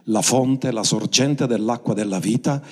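A man preaching a sermon with passion, his voice climbing high for emphasis. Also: a little slow. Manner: impassioned, pitch swinging up for emphasis. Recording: long hall reverb.

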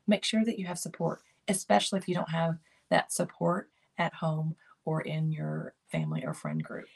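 On her keto lifestyle channel, an older woman speaks to camera with motivating encouragement and recurring coaching phrases. Her mid-range voice is creaky, with a breathy edge.

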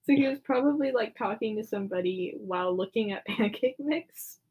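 Husky giggly young woman. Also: fairly high pitch, brisk, phone-quality sound. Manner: giggly, teasing, blunt. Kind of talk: casual chat.

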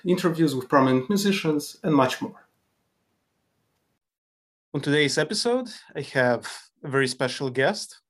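A man from a former Soviet country hosting a podcast interview, introducing his guest with admiration. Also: medium pitch. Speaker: podcast host.

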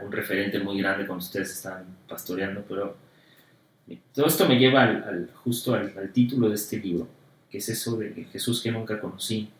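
A man, interviewing in a casual conversation about faith, reflective and hesitant with many fillers. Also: fairly low pitch. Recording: roomy echo, distant mic.

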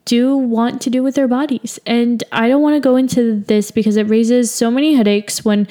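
A woman's voice: fairly high pitch, fairly even intonation, fairly quick, dark tone. A young woman from the United States hosting a solo podcast, talking casually and candidly with lots of filler words. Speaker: podcast host.

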